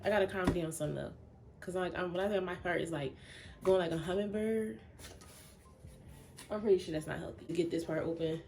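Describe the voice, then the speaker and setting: A young woman chatting excitedly and a bit breathlessly while unboxing a new laptop for her vlog. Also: fairly low pitch, fairly quick, long pauses, background noise. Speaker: vlogger.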